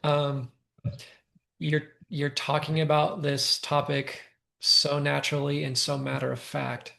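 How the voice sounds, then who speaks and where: A man's voice: fairly high pitch, monotone, measured pace, vocal fry, fairly bright tone. A man hosting an interview as a life coach, supportive and nodding along with short affirmations. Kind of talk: interview host.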